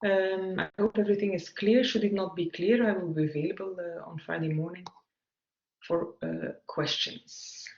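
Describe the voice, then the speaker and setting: Man, lecturer, halting delivery, gravelly tone, roomy muffled audio. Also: high-pitched, steady tone. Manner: halting, frequent "voilà" fillers. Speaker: navigation lecturer. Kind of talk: recorded lecture. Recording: echoey room, dull lo-fi sound.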